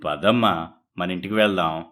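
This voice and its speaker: A man's voice: deep voice, moderate pace, fairly bright tone. A man voicing a loving, wealthy middle-aged father in a cartoon story, emotional and pleading with his daughter. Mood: soothing. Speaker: father character.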